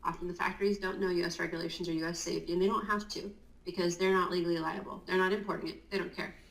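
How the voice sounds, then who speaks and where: A woman with a somewhat low voice, speaking in a chatty, explanatory way with plenty of fillers. She has a just-woken morning voice. Her voice carries a roomy echo. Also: steady tone, rapid-fire, vocal fry. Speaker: guest, Amazon compliance consultant. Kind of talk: casual interview talk.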